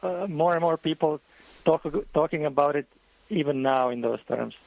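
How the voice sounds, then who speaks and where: A man's voice: fairly high pitch, moderate pace, vocal fry, dry recording, rough recording. A man, a guest economist answering interview questions by phone in a hesitant, thoughtful way. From Croatia. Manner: hesitant, thoughtful, with many fillers.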